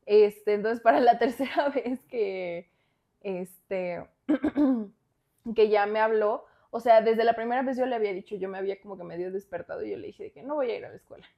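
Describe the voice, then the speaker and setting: A young woman with a Mexican accent telling a personal story on a podcast in a chatty, animated way, full of fillers. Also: medium pitch, normal speed, gravelly. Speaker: podcast co-host. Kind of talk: casual storytelling.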